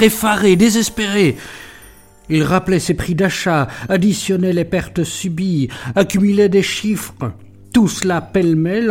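Slow, measured male audiobook narrator. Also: high-pitched, a little mellow. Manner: measured, theatrical reading.

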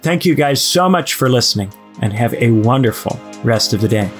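A man's voice: mid-range voice, lively intonation, normal speed, over music. Man, podcast host, casual storytelling, rambling, mid-range voice. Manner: rambling, many "you know" fillers and restarts. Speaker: podcast host, former lecturer.

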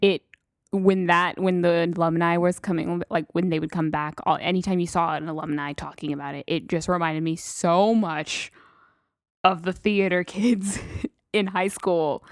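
A woman's voice: lowish voice, normal speed, no room sound, clean studio sound. A woman co-hosting a casual podcast chat, telling stories with lots of laughter and acted-out quotes. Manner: animated storyteller, laughs often, acts out quotes. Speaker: podcast co-host.

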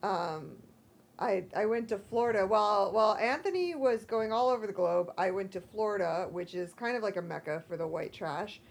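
Hoarse and croaky from allergies, an American woman chats casually and candidly as a self-deprecating podcast co-host. Her medium-pitched voice moves fairly quickly with hardly any pauses.

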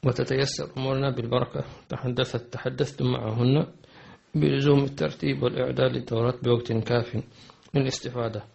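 Religious teacher, male, mid-pitched and gravelly, measured and hesitant in his delivery, muffled recording. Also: level tone, a little mellow. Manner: measured advice with hesitant fillers and restarts. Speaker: Islamic teacher answering questions. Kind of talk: religious lesson with questions and answers. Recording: dull lo-fi recording.

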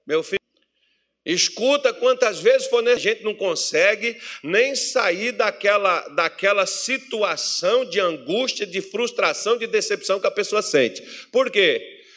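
A man with a Brazilian accent preaching a sermon in church as pastor, animated and humorous, acting out the voices of worried believers. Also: sits high, measured pace. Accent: Brazilian Portuguese.

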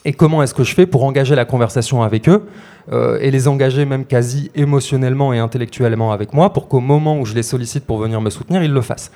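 A man's voice: medium pitch, quick pace, mellow. A man coaching project creators, talking them through steps with many hesitations and rhetorical questions. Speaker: crowdfunding coach. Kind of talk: explanatory talk to creators.

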